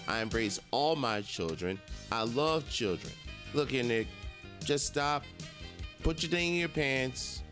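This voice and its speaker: A man's voice: medium pitch, lively intonation, a little slow, fairly bright tone. Male morning radio host over music. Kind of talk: conversational entertainment report.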